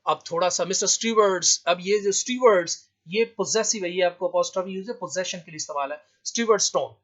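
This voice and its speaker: A man teaches an English lesson in a high voice, reading each English sentence aloud before translating and explaining it. The recording is dull and lo-fi. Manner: explains slowly, reads English lines aloud then translates. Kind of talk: lecture with translation. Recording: dull lo-fi sound.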